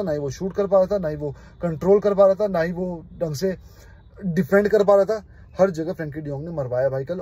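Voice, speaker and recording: Young guy from india ranting about his team in a vlog, kinda husky, mellow tone, fired up. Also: fairly high pitch. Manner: passionate, emphatic, keeps saying "brother". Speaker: football fan channel host. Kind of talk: casual opinion vlog.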